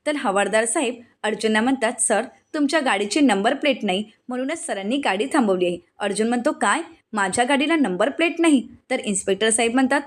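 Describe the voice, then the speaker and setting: A woman with a Marathi accent, her voice sitting a little high, tells the story of a serial episode scene by scene. She reads the characters' lines in the same steady storytelling voice. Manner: narrates plot and voices quoted lines in the same reading voice. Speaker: serial recap narrator.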